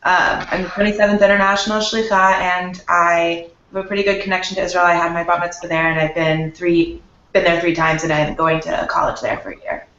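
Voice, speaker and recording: A woman's voice: on the low side, level tone, fairly quick, a bit bright, highs cut off. Teen girl from Tennessee, chatty, far from the mic in an echoey room. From Memphis, Tennessee, USA. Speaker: panelist. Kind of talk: casual online call. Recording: distant echoey call audio.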